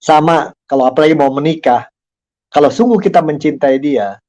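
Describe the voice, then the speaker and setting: An older man speaking as a guest in a casual talk show, lively and laughing often as he acts out conversations. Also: fairly high pitch, normal speed. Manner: animated, acts out quoted dialogue, laughs often. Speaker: guest speaker, lecturer and author.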